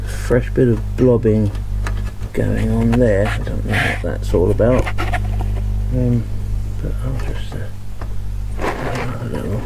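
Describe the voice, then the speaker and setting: A man who restores radios talks casually through his inspection of an old set in his cluttered home workshop, thinking aloud with plenty of ums and hesitations. His mid-range voice moves slowly with fairly even intonation and some vocal fry. The low-quality recording has music playing behind him.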